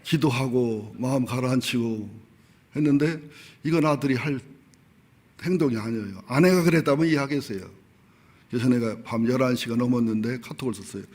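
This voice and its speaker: Husky middle-aged male pastor preaching. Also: mid-range voice, a little fast, darkish tone. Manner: candid, humorous storytelling with acted quotes. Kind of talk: sermon.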